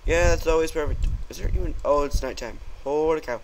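A young man commentating his own gameplay in a casual, excitable way, yelping when startled. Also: fairly high pitch, quick pace. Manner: jumpy, excitable, yelps when scared. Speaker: let's play gamer. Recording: noisy home recording.

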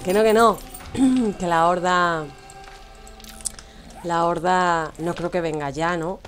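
A young woman with a Spanish accent from Spain streams a game, chatting playfully, teasing viewers, addressing chat, and laughing often in casual commentary. She talks slowly in a lowish voice, with faint music in the background.

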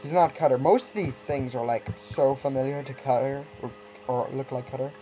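A man's voice: mid-range voice, moderate pace, mellow, rough recording. A man giving casual, rambling gameplay commentary, breaking off mid-thought with wry asides. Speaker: let's play gamer. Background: faint game music.

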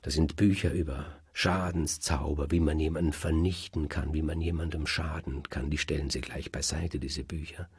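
A man telling old legends aloud in a lively, emphatic way, swinging between loud and hushed. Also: extremely low pitch, normal speed, hardly any pauses, breathy edge, no echo. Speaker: storyteller. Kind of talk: oral storytelling of legends. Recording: dry close recording.

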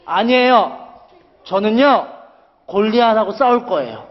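A man's voice: high-pitched, big pitch swings, measured pace, long reverb tail, muffled recording. A man voicing a brave young shepherd boy in a children's Bible story. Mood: determined.

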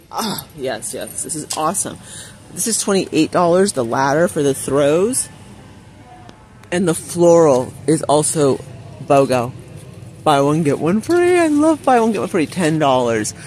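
Filming on a handheld phone, a man with a fairly high-pitched voice narrates a shopping vlog in a discount store aisle indoors. He raves about products and calls out prices and deals as he goes, with slight background noise audible.

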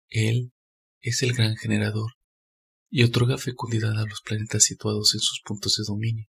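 Very husky low-voiced man, flat reading. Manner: measured, steady reading. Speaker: spiritual narrator. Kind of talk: scripted narration.

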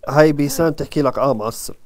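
Jordanian male co-host reading comments; playful, rapid delivery, raised pitch. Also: darkish tone. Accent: Jordanian Arabic. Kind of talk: live stream chat.

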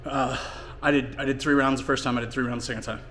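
Casual male fitness coach vlogging, winded, middle pitch. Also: fairly even intonation, fast talker, fairly bright tone, slight background noise. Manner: explains training plainly between efforts, with fillers. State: out of breath. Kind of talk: casual workout vlog talk. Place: home gym and outdoors in winter.

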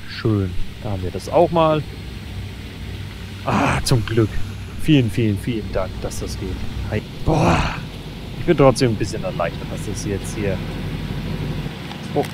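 A man talks through his game in a casual running commentary, bursting into excited exclamations as things go wrong or right. His voice is gravelly and his pitch swings about animatedly. A faint hiss of noise sits under the recording. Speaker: let's play host.

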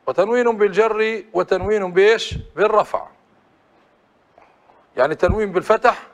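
Man, high voice, classroom lesson, asks students prompting questions. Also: a bit bright. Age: adult. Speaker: teacher.

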